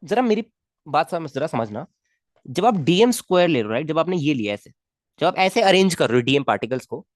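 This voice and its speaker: A man's voice: a little high, big pitch swings, brisk, dry recording, studio quality. A man teaching physics in a live online class, talking in a coaxing, repetitive way and checking in with students often.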